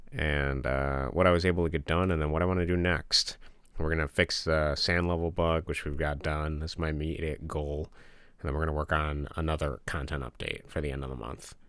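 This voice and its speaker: A game developer streams from his home office, chatting casually with viewers and sniffling a bit from a cold. Relaxed and rambling, he reads the chat aloud and answers in an extremely low, smooth voice, recorded dry.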